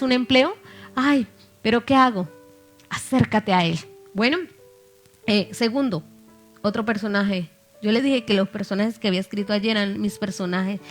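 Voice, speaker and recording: Woman preaching a sermon over faint music. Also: mid-range voice. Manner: reads scripture aloud, then asks the listeners questions.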